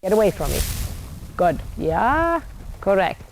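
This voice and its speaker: A woman coaching a riding lesson, calling out brisk, projected commands in short, blunt, repeated directions. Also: mid-range voice, sing-song, vocal fry. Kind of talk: live horse-riding lesson, calling out instructions. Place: outdoor riding arena. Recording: noisy outdoor ambience.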